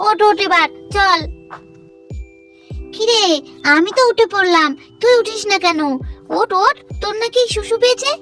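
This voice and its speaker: A woman's voice: very high voice, fairly bright tone. Woman doing bossy older sister doll Minki. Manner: scolding, bossy. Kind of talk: doll play voice acting.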